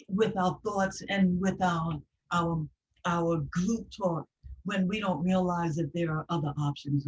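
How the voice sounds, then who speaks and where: A woman's voice: on the low side, a little mellow. Earnest woman host on dull audio. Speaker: host of a poetry talk. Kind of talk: reflective conversational explanation.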